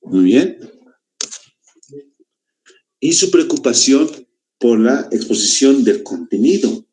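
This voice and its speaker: A man's voice: mid-range voice, lively intonation, mellow. A man from Bolivia teaching a literature lesson to exam applicants, explaining step by step with rhetorical questions and many tag questions. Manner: deliberate, stretches key words slowly.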